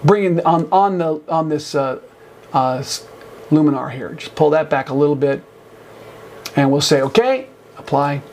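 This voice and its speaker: A man's voice: on the high side, steady tone, moderate pace, long pauses, a little mellow, a little hiss or hum. Rambling man teaching photo editing. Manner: rambling, self-correcting, conversational. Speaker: photography instructor. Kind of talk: screen-recorded software tutorial.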